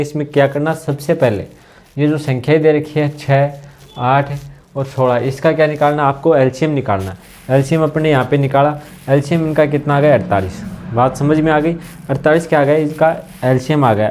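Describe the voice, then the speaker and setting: A man's voice: on the high side, a little mellow. A man teaching a maths class for a recruitment exam, walking through each step with questions to the students and checking again and again that they follow. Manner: repetitive, asks the class if they understood; slows down when dictating terms. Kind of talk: exam-prep maths lesson.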